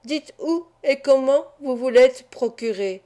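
Woman narrator doing a stern male judge, cold questioning, mellow voice, storybook. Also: high voice, expressive, takes it slowly.

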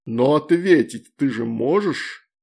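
A jilted demon lord from an audiobook, proud and drunk, dragging out his words and swinging between pleading and shouting, as a male narrator plays him. The voice has a gravelly, creaky edge. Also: medium pitch, lively intonation, full character voice. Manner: slow, loud, accusing and pleading.

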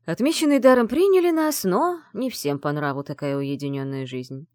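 A woman reading the part of a gentle, sad old grandfather in an audiobook, speaking with sorrow and tenderness. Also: fairly low pitch, moderate pace, no room sound, studio quality, pitched above the performer's own voice, natural voice. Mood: sad, tender.

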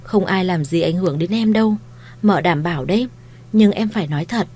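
Woman reading gentle mistress of the house, reassuring, coaxing, lower voice. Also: a little fast. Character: kind, shrewd young mistress of the house.

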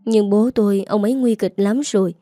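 Woman reading an anxious elder brother, hurried and practical, dry close sound. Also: mid-range voice, fairly even intonation, dark tone, no room sound, close to an everyday voice. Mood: pleading. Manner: urgent, hurried.

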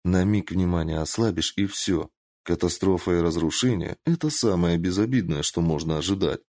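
A man's voice: sits low, moderate pace, a little mellow, dry recording. A man voicing a proud, hot-tempered young princess who speaks sternly and grumbles in exasperation, in an audiobook. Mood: grumbling. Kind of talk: audiobook character voice.

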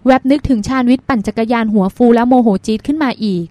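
A woman narrating a novel as an audiobook in a smooth, even storytelling manner. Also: on the high side, fast, no echo. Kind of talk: scripted narration.

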